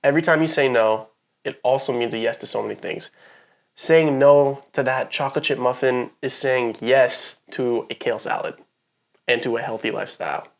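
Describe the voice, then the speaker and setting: Male podcast co-host, playful teasing chat, mid pitch. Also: fairly even intonation, normal speed, gravelly. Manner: teasing and playful, easy laughter. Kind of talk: casual chat.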